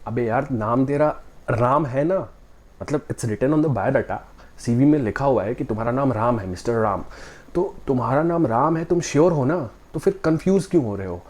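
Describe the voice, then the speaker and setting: A man's voice: medium pitch, expressive, normal speed, a little mellow. A man giving a motivational talk, speaking directly and conversationally to the viewer and asking rhetorical questions.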